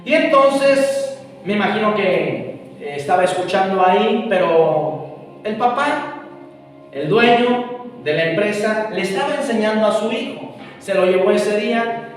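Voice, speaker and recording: Man, sermon, animated storytelling, high pitch, very echoey. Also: distant mic. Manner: animated, acts out both sides of a phone call. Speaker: preacher. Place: church hall. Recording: echoey hall, voice from afar.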